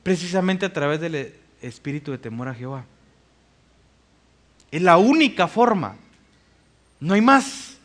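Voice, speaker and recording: A man's voice: on the high side, big pitch swings, a little slow, long pauses, fairly bright tone. A male pastor preaching a sermon, reading scripture aloud and putting rhetorical questions to the congregation. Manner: reads scripture passages aloud.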